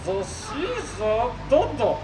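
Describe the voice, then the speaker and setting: A man voicing a male robot, speaking in a slow, halting robot voice that mangles consonants. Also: very high voice, huge pitch swings, roomy sound, distant mic, noisy background, pitched above the performer's own voice, exaggerated voice. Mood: stiff.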